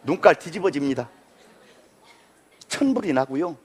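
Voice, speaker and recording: A man giving a motivational lecture, telling stories in an animated, folksy, dramatic way. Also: on the high side, normal speed, breathy edge.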